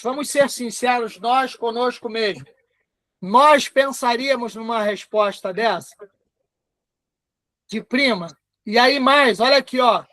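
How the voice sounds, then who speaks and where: A Brazilian man with a very high voice runs a live online class over a call. He talks in a chatty, informal way and slows right down to dictate word by word. The sound is dry and close. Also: fairly bright tone, dry recording. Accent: Brazilian Portuguese. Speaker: instructor.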